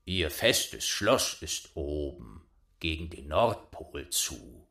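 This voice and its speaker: A man voicing a gentle, homesick reindeer in a storybook, speaking low, slow and wistful. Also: very animated, creaky, exaggerated voice.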